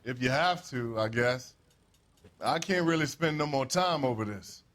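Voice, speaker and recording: An actor playing a plain-spoken, defensive American railway worker questioned as a witness in a period crime game. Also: male voice, medium pitch, expressive, unhurried, a bit bright. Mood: guarded. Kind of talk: acted crime drama dialogue.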